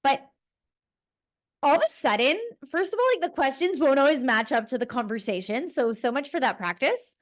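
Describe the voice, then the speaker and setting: Chatty woman, slightly high voice. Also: lively intonation, normal speed. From Toronto, Canada. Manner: chatty and rambling, with many fillers. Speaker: personal trainer. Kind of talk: casual monologue.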